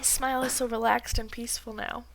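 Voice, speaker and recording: A woman's voice: a little high, flat delivery, fast talker, vocal fry, noisy background. A woman streamer giving casual gameplay commentary, rambling with lots of fillers and cursing freely. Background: game music.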